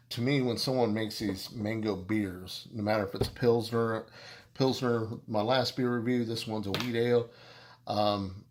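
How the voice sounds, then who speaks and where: A man talks through a beer review in a casual, meandering way, and his voice sits a little low. He keeps stopping and restarting his sentences and padding them with fillers. He slips in self-deprecating jokes as he goes. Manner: rambling, halting, with many restarts and fillers.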